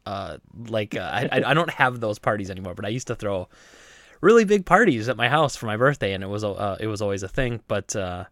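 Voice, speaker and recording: A man's voice: lowish voice, lively intonation, brisk, a bit bright, dry recording. Late-30s guy rambling on a podcast, lots of likes and uhs, dry close sound. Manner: rambling, many fillers and restarts. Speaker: podcast co-host. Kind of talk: casual chat.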